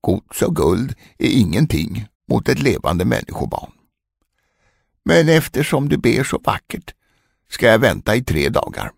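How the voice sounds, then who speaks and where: A man's voice: on the low side, huge pitch swings, gravelly, husky, no room sound, studio quality, heavily acted. A man reading a storybook, voicing a spiteful, greedy little male dwarf who crows and shrieks his taunts. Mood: sly.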